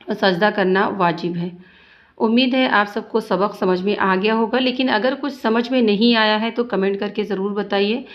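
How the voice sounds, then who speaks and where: Woman Quran teacher, patient and explanatory, slow drawn recitation between explanations, roomy echo, a bit muffled. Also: medium pitch.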